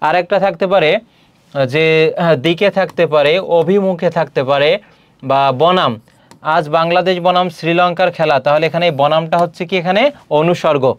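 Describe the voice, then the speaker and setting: A man teaching an exam-prep grammar lesson who asks questions and answers them himself. He draws out each example word slowly and speaks with a Bangladeshi Bengali accent. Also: on the high side, steady tone, dry recording, highs cut off. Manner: asks and answers his own questions, drawing out example words.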